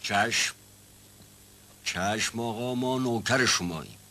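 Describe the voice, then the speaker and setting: A man's voice: lowish voice, pushed and bright. An actor playing a timid, rambling old male servant who stammers and dodges questions in a 1970s TV drama. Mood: nervous. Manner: stammering, evasive, repeats himself. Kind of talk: 1970s television drama acting.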